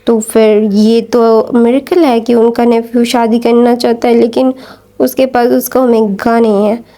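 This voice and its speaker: A woman retells a story in a casual, rambling way, full of fillers and false starts. Her voice sits a little high and sounds mellow and soft. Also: level tone, unhurried. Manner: rambling, many fillers and restarts.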